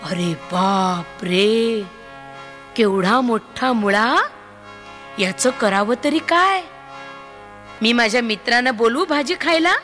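A woman's voice: fairly high pitch, slow, pauses often, a bit bright, soft background music. A woman voicing an eager young village boy in a children's story.

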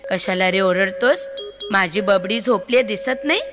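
A woman's voice: medium pitch, moderate pace, big-room sound, music in the background, pitched below the performer's own voice, natural voice. A woman voicing a clever little girl who scolds her brother and coaxes her cat. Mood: pert.

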